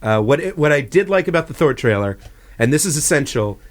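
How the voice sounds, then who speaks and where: Man, comedian, podcast co-host, animated pitch, dry joking banter. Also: fairly quick. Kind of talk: casual comedy podcast chat.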